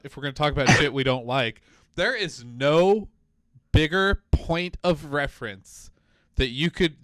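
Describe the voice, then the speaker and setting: A man co-hosting a casual gaming podcast chat, talking in an animated way, swearing freely and mock-quoting game developers. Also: on the high side, clean tone, dry recording. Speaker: podcast co-host.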